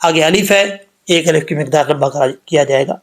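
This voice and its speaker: A man teaching Quran recitation rules, explaining letter by letter and slowly drawing out the recited words. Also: a little high. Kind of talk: tajweed lesson with slow recitation.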